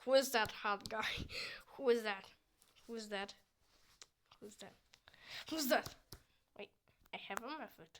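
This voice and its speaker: Speaking at a measured pace with frequent pauses, a young gameplay streamer reads the game's lines aloud and chats goofily, now and then squealing. Her youthful voice is on the high side and fairly bright, with a little hiss or hum in the audio.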